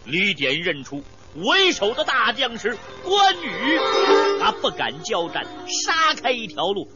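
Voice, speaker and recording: A woman's voice: mid-range voice, huge pitch swings, a little slow, highs cut off, over loud music. A woman storyteller narrating a historical war tale dramatically, with emphatic sound words.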